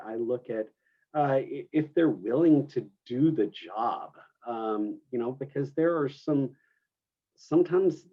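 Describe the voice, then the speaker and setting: A man's voice: medium pitch, highs cut off. A man teaching a class in a classroom, talking loosely, with many restarts and fillers. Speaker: culinary instructor. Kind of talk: classroom lecture.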